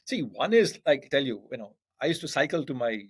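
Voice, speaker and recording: A man's voice: medium pitch, sing-song, a little fast, breathy edge. A man in his fifties from Bangalore with a South Indian accent, chatting casually as an interview guest, emphatic and often repeating his words. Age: 50s.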